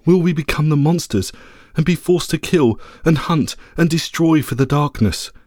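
A man's voice: a little high, moderate pace, a little mellow, dry recording, studio quality, pitched above the performer's own voice, close to an everyday voice. A man reading a story aloud, voicing a small, brave terrier dog who pleads earnestly. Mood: pleading.

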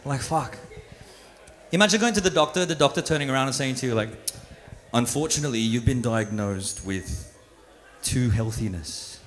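Performing stand-up before a crowd at a live venue, this young comedian has a medium-pitched, slightly bright voice with lively intonation and a normal pace. He was born in the Philippines, grew up in Australia, and keeps his set loose and self-mocking on the stage microphone, often tripping over words and starting again.

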